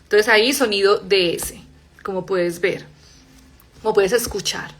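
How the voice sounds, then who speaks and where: Teaching English pronunciation live, this young Spanish speaker explains things in Spanish and softly, slowly models each English word. Her pitch is medium, with slight background noise.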